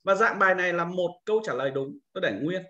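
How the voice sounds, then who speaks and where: A man giving a patient, step-by-step screen-recorded software tutorial to teachers, explaining each click as he goes. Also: sits high, fast talker, highs cut off. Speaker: teacher trainer.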